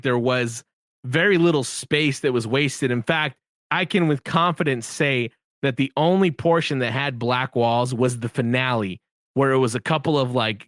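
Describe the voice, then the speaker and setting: A man's voice: mid-range voice, a bit bright, dry recording, studio quality. A young man as a podcast guest, chatting animatedly and emphatically, laughing often. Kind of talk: casual podcast chat.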